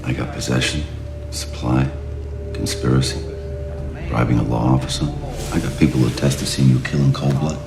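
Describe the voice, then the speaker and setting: A tough American cop in a crime film, with an extremely deep voice full of gravel. He is blunt, calm and determined, giving nothing away in an echoey room with music underneath. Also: normal speed. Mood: firm, pressing. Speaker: police detective interrogating a suspect. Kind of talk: film drama acting.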